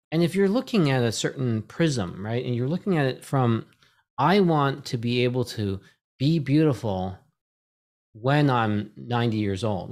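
A man's voice: medium pitch, a little mellow. A middle-aged man speaks into a desk microphone at home, chatting on a video call. His talk rambles, circling back with restarts and checking in with little "right?" tags as he builds a point. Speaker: host. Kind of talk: casual video call conversation. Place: home room with bookshelves. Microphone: desk microphone on boom arm.

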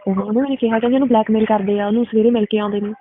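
A woman in a heated phone argument, rapidly accusing and retelling what others told her. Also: on the high side, fairly even intonation. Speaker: caller. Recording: tinny phone call recording, faint hiss.

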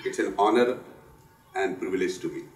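Hoarse, husky male lecturer, low voice, earnest and measured, heard at a distance in a roomy hall. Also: steady tone. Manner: measured, earnest, with pauses and restarts. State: hoarse from a sore throat and flu. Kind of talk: formal memorial lecture. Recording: roomy hall sound, speaker off the mic.

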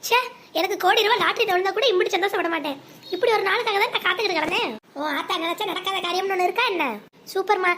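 An excited, gloating young woman in an animated family drama, played by a woman. Her voice is very high and rapid. She cheers on her mother's schemes. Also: a little hiss or hum. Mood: gleeful. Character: gleeful young woman, the mother-in-law's spiteful daughter.

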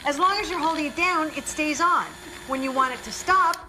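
A woman's voice: sits high, a little fast, sharp tone, slight background noise, low-quality recording. A woman playing a perky, emphatic housewife doing a hard-sell infomercial demonstration. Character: perky enthusiastic housewife demonstrating a kitchen gadget. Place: studio kitchen set.

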